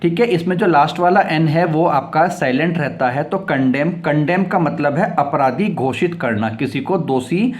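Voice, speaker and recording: A man with a slightly raised pitch teaches English vocabulary in an explanatory way. He spells each word letter by letter, repeats it several times, and reads example sentences slowly. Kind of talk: vocabulary lesson.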